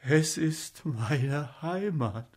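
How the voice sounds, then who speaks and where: A man's voice: fairly high pitch, expressive, drawn-out words, darkish tone, breathy edge, heavily acted. A man voicing a sick, despondent large male actor who mutters faintly.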